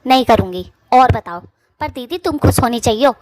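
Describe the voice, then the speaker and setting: A brash bald witch from a cartoon story, voiced by a woman, all boasting and backtalk. She speaks in a fairly high voice with a rough, taunting village manner, and the recording is close and dry. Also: lively intonation, moderate pace, a bit bright, no echo. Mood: scared, pleading. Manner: mouthy village taunting speech, whiny when scared. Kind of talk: cartoon voice acting.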